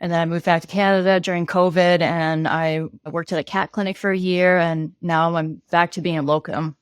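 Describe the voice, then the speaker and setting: A woman in her thirties, a veterinarian guest on a podcast, from Hong Kong and raised in Syria and Lebanon, talking in a measured way and explaining carefully. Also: fairly low pitch, flat delivery, clear, resonant tone, no echo, clean studio sound. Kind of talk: casual interview chat.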